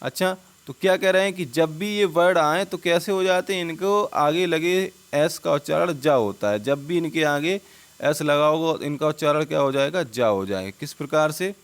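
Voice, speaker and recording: Here the same kind of Hindi-language spelling lesson comes from an English teacher whose voice is a little high and clean, at a moderate pace and slightly raised. Working over slides, he poses questions, supplies the answers himself, and patiently repeats every word twice as a drill.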